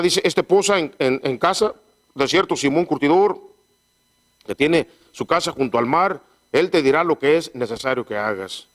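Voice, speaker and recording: A man preaching a sermon who keeps asking his congregation for agreement and stumbles and repeats words as he reads scripture aloud. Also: mid-range voice. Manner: call-and-response, frequent "¿verdad?"; halting, repeats words while reading scripture. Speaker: pastor.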